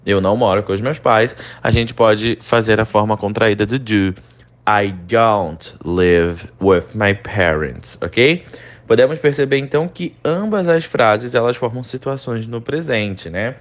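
Brazilian male English teacher, mid pitch, patient step-by-step explainer, reads examples out slowly. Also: highs cut off. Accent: Brazilian Portuguese. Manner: explains step by step, often asks "né?" and "ok?". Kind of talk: recorded online lesson.

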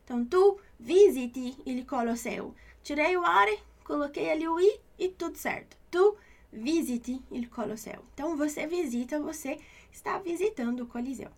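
A woman with a Brazilian Portuguese accent teaches an Italian lesson in a high, light voice. She goes slowly and patiently, repeating each example. She keeps checking that the listener is following. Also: lively intonation, darkish tone. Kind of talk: online language lesson.

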